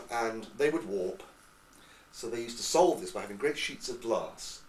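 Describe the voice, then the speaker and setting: A man from England, an actor being interviewed, telling lively anecdotes and slipping into accents. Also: mid-range voice, measured pace, a little hiss or hum. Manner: lively storyteller, slips into accents. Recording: echoey room, far from mic.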